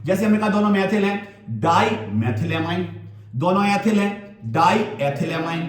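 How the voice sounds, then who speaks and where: A man's voice: sits high, steady tone, measured pace. A male chemistry teacher giving a classroom lecture, repeating key terms and often checking that his students understand. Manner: addresses students fondly as "beta". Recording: echoey room, voice from a distance.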